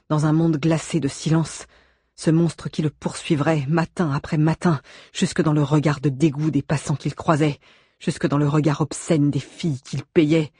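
A narrator reads a novel aloud with measured, suspenseful pacing and a mid-range voice. The tone has a husky grain, recorded close and completely dry. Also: medium pitch, a little mellow, no echo. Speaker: audiobook narrator. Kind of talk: dramatic audiobook narration.

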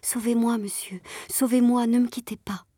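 A woman's voice: a little high, fairly even intonation, normal speed, husky, dry recording, clean studio sound. A woman whispering as a worn young streetwalker. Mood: pleading. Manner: hushed, confiding, rustic speech. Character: young worn Parisian streetwalker, a former country servant girl. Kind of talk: whispered role-play.

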